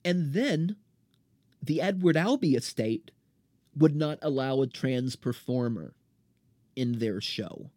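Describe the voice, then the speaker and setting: A male podcast host on a fired-up solo rant, blunt and profane, tripping over and restarting words as he goes. His voice sits at an ordinary middle pitch. It is recorded dry and close, with almost no room sound. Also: lively intonation, takes it slowly, pauses often, dark tone, dry recording.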